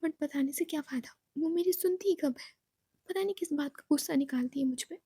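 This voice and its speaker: A storyteller putting on a jumpy young woman who frets and protests in breathless chatter in an audio love story. The voice is high and bright-pitched, with a mellow tone underneath. The sound is dry and close. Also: brisk, no echo, close to an everyday voice. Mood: fretful.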